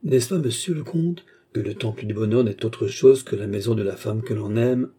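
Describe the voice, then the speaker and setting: A man's voice: fairly low pitch, moderate pace, warm tone, slightly rough. A man voicing a phlegmatic English baronet, speaking in a polished, formal and courteous way. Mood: suave.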